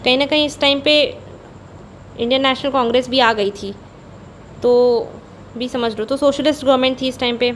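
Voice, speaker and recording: A woman's voice: high voice, steady tone, moderate pace, long pauses, a bit bright, slight background noise. A woman teacher giving a conversational economics lecture, repeating key points and slipping between Hindi and English.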